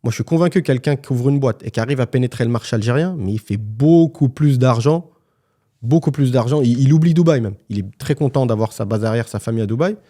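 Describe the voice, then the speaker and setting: A man's voice: medium pitch, warm tone. Frank, colloquial man on a podcast. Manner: fast, frank, colloquial, many restarts. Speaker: podcast co-host, property agent. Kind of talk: casual podcast conversation.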